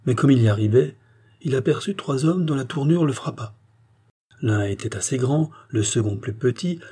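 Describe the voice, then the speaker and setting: Brief: male audiobook narrator, steady scripted narration of a detective novel, warm, breathy edge. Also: mid-range voice.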